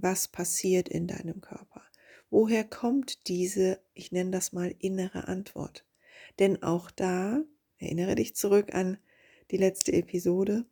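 A woman talks through a quiet, reflective podcast monologue with unhurried pacing. Her voice is dark and husky, with a gravelly edge. She often sinks to a breathy whisper when posing questions. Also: on the low side. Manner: slow, soft and breathy, drifting into whispers on key questions. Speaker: podcast host and coach.

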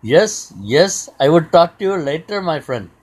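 Husky man with an Indian accent. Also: a little high, sing-song, measured pace, darkish tone. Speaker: guest. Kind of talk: casual chat.

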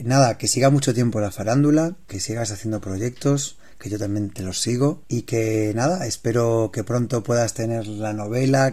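A man with a peninsular Spanish accent, an author chatting as a guest in a casual interview, animated and often repeating his words. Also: lowish voice. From Spain.

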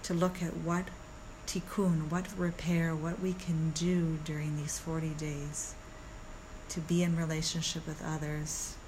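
Soothing, slow-paced woman guiding meditation. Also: low-pitched, noisy background. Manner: soothing, gentle, like a calm yoga teacher; unhurried, measured, with long pauses. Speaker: rabbi and meditation teacher. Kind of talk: guided mindfulness meditation.

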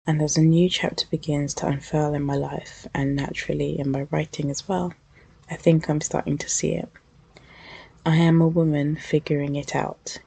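Podcast host: low, gravelly woman, husky and croaky from a cold, candid and reflective. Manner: thoughtful and candid, soft breathy delivery in places. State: has a cold, sniffly.

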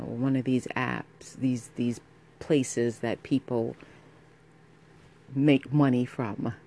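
A woman hosts a podcast as a solo, opinionated monologue. She talks slowly and deliberately, with impassioned emphasis and pointed repetition. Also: rumbling low, warm tone. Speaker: podcast host.

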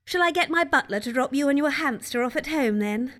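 A woman playing a posh, prim high-voiced woman. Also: lively intonation, fairly bright tone. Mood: poised. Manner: prim, polished, measured. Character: posh, composed wealthy young woman.

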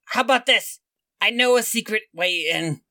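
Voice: medium pitch, normal speed, pushed and bright, no room sound, studio quality, voice pushed up. A game master voicing a shifty bug smuggler, pleading and evasive, in a tabletop game. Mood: coaxing, evasive. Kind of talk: tabletop game role-play.

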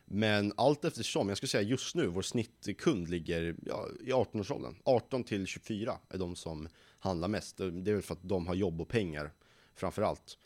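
19 yr old guy, founder, chatty storyteller, lowish voice, dry close sound. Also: no echo. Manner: lively storyteller who acts out quoted voices. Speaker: young company founder, guest. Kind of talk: casual podcast interview.

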